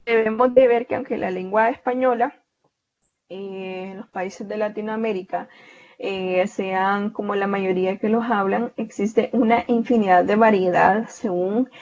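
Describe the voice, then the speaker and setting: A woman's voice: medium pitch, fairly even intonation, unhurried, darkish tone. Woman tutoring over a muffled call. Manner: conversational, leans on "o sea" fillers. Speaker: online course tutor. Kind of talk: online lecture. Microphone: video call.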